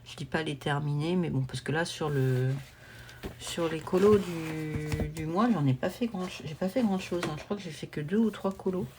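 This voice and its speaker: A woman who vlogs about coloring chats casually to camera at home, rambling and meandering with many fillers and restarts. Her low voice moves at a moderate pace over music.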